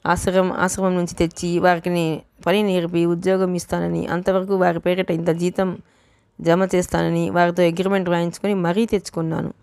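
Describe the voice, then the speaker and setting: Cruel scolding mistress in an audiobook, a woman reader putting her on, low and quiet, dry close sound. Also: clear, resonant tone, dry recording, natural voice. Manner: scolding, threatening. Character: harsh, cruel woman who exploits orphans.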